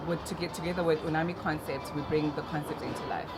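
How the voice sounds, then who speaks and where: Interview guest: South African woman, low register, conversational and halting delivery, loud music underneath. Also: steady tone. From Durban, South Africa. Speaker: interview guest, marketing and events businesswoman.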